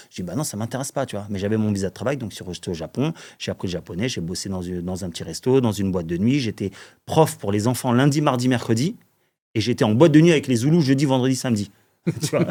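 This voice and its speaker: A man's voice: mid-range voice, a little mellow. A man in his forties from the Paris suburbs, a podcast guest telling long anecdotes in casual chat, with many fillers and frequent chuckles. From Paris suburbs, France. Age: 40s. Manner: rambling storyteller, filler-heavy, chuckles often.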